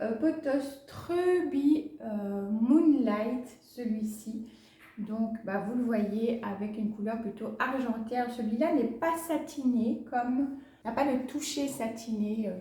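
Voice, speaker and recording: A woman's voice: medium pitch, warm tone. Chatty woman in an echoey room. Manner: chatty, hesitant with many fillers, laughs easily. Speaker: plant vlogger, channel host. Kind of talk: casual chat to camera, showing plants. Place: home, indoors.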